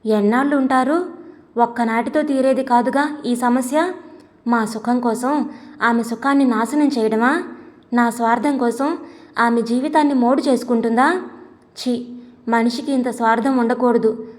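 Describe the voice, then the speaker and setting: A woman's voice: a little high, unhurried, pauses often, darkish tone, close to an everyday voice. A woman voicing a grieving, earnest doctor and father in an audio story, speaking in a sorrowful way. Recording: long echoey reverb.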